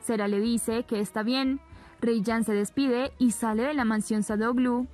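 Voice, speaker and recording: A woman's voice: fairly high pitch, moderate pace. Woman narrating a soap opera recap. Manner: steady storytelling, repeating "le dice". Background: soft background music.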